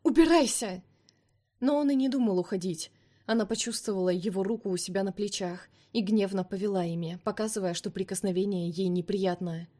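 Woman reading an audiobook, dramatic and steady, dark mellow voice. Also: mid-range voice, brisk. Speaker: audiobook narrator. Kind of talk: expressive scripted narration.

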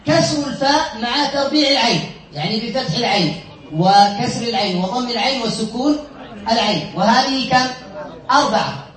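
A man's voice: very high-pitched, animated, fairly quick, a bit bright, roomy sound, low-quality recording. A man teaching a classroom lesson, quizzing his students, repeating points and correcting himself with a chuckle. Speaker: sheikh teaching Arabic morphology.

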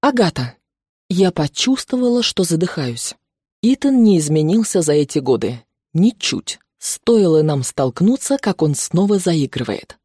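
A woman narrating a novel in the first person, expressive and lively. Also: lowish voice, a little slow, slightly rough, dry recording, clean studio sound.

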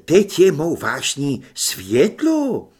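A man's voice: a little high, wildly swooping pitch, a little mellow, slightly rough, heavily acted. A man doing a beaming shy vampire. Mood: eager. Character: shy excitable male vampire iconographer. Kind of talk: audiobook character voice.

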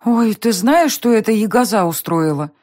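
A woman reading an audiobook, voicing a motherly housekeeper who chats and grumbles fondly about a mischievous child, a little higher than her narration. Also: lively intonation, normal speed, darkish tone, dry recording, clean studio sound, natural voice. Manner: chatty, mock-complaining. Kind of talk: audiobook character voice.

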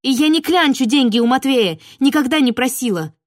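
A woman's voice: high-pitched, animated, a little fast. A woman narrating a first-person audiobook and reading the dialogue dramatically.

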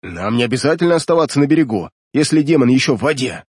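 A man voicing an anxious, gruff boat captain who urges and pleads with his superior. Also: mid-range voice, expressive, fast talker, no echo. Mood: urgent.

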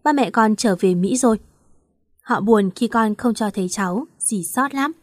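A woman reading the lines of a caring, sorrowful middle-aged aunt who talks slowly and motherly. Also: fairly high pitch, no echo, studio quality, lightly acted.

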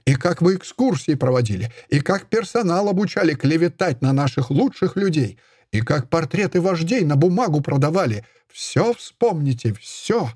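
A man putting on a shrill, triumphant Soviet woman official. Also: very animated, moderate pace, breathy edge, no echo, clean studio sound. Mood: triumphant shouting. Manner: shouting, triumphant, sing-song accusing.

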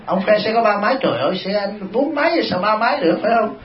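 A man's voice: high-pitched, fast talker, slight background noise. A man, a Buddhist monk giving a dharma talk, telling humorous stories and addressing the congregation. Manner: humorous, animated storytelling to the congregation. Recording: echoey, dull lo-fi hall.

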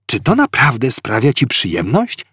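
A man reading an audiobook, voicing a quick-witted alien traveller who pleads and snaps urgently. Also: mid-range voice, huge pitch swings, sharp tone, husky, no echo, clean studio sound, pitched above the performer's own voice, full character voice. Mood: coaxing.

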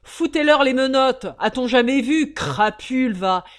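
A woman's voice: high-pitched, animated, measured pace, pitched above the performer's own voice. Woman playing a bellowing prison guard. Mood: shouting. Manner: shouted barked orders. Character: bellowing male prison guard, gruff and bossy.

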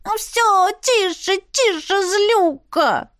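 A woman's voice: very high-pitched, expressive, drawn-out words, fairly bright tone, dry recording, clean studio sound, pitched above the performer's own voice, full character voice. A woman reading as a cheeky male wolf familiar, sly and mocking, who needles his witch. He talks in a teasing tone in a fantasy audiobook. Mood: yelping.

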